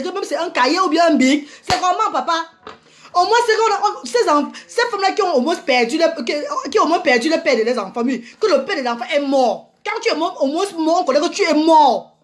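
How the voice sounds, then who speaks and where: A woman vlogger with a high voice delivers a heated monologue to her viewers. She scolds them with indignant repetition, often breaking off and restarting her sentences. She addresses them warmly as "maman" even while she berates them. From Africa. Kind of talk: impassioned ranting monologue.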